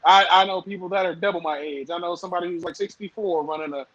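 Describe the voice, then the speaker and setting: Guest, man in his 30s from the US South, higher voice, dry close mic, casual rambling talker. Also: quick pace, fairly bright tone, no room sound, highs cut off. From southern United States. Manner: rambling, lots of fillers, laughs often. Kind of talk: casual podcast chat.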